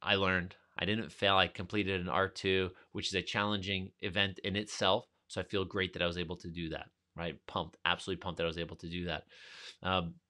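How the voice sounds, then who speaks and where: A man from New York, hosting a podcast, telling a long personal story in a rambling, energetic way and acting out what people said. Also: deep voice, brisk. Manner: rambling, energetic, acts out quotes. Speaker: podcast host. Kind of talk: casual storytelling monologue.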